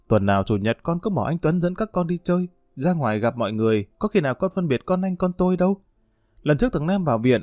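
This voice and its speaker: A man's voice: on the high side, darkish tone, no echo, studio quality, voice pushed up. A man voicing a scheming stepmother who pleads in a self-pitying tone. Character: scheming tearful stepmother, a young wife.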